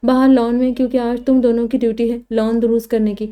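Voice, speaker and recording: A woman's voice: on the high side, little pitch movement, fast, warm tone, clean tone, lightly acted. A woman voicing a stern elderly grandmother who scolds and bosses her granddaughter in a storybook reading. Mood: sweetly bossy. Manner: scolding, bossy.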